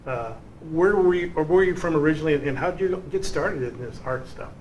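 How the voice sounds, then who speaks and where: A man's voice: a little high, quick pace, a little hiss or hum, poor audio. A man hosting an art showcase, chatting effusively with a guest about her paintings. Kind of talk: casual interview.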